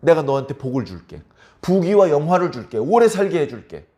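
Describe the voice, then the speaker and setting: A man's voice: a little high, sing-song, a little fast, warm tone. A male pastor voicing God as He promises a king blessing, in an earnest, coaxing tone. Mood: promising.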